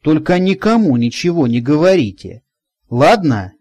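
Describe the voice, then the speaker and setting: A man voicing a loud, stern middle-aged woman with a blunt, commanding way of talking in an audiobook. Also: on the high side, very animated, normal speed, husky. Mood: pleading.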